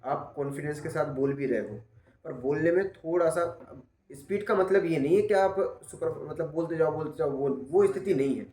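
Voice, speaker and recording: With a fairly high pitch and a dark tone, a male teacher speaks at a moderate pace while offering patient feedback during a class session. He breaks things down step by step and frequently checks for understanding, his voice carrying a roomy echo.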